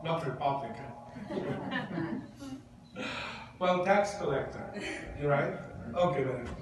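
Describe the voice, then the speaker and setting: Speaking slowly in a very animated voice on the high side, a male pastor leads a conversational, interactive Bible lesson, questioning the people in the room. The recording from the church is noisy and echoey, taken with a distant mic.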